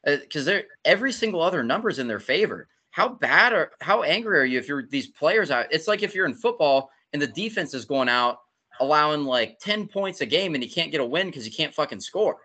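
A man co-hosting a casual hockey podcast, animated and profane as he reads through statistics. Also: on the high side, slightly rough. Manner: animated, swears, rattles off statistics. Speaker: podcast co-host. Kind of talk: casual sports talk.

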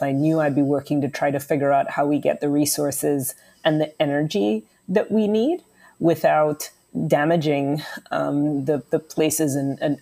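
A woman from Trinidad and Tobago speaks as a podcast guest. Her voice is on the low side, and she talks earnestly, with frequent ums and uhs as she finds her words. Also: a little mellow. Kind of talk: podcast interview answer.

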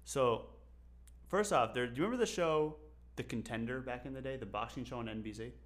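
A man's voice: mid-range voice, brisk. A man co-hosting a casual podcast, rambling and joking with frequent laughs. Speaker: podcast co-host. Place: local to Las Vegas.

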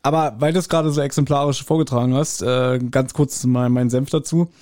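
Mellow-voiced male podcast co-host. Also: medium pitch, fairly even intonation, brisk. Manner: thoughtful, explaining at length. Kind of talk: casual chat.

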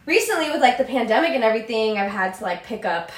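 A young woman guest chatting casually and telling animated, giggly, self-mocking stories, saying "like" very often and acting out quotes. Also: fairly high pitch, quick pace. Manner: says like a lot. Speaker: podcast guest. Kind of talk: casual chat, animated storytelling. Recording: echoey room.

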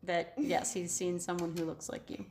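A woman's voice: fairly low pitch, level tone, normal speed. A woman running a tabletop game as game master, talking casually and laughing often. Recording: echoey room with background noise.

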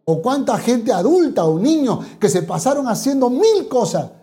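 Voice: medium pitch, sing-song, moderate pace, warm tone. A pastor preaching a sermon, emphatic, with repeated phrases and many rhetorical questions.

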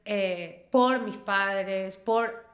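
A woman's voice: medium pitch, extremely slow, fairly bright tone. A woman in her thirties, a singer-songwriter talking casually in an interview, chatty and often trailing off to restart. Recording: roomy echo.

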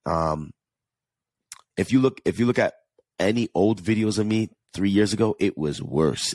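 Brief: male podcast host, New York–Jersey accent, very low voice, earnest solo monologue, dry close sound. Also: dry recording. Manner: earnest, repeats words and restarts often.

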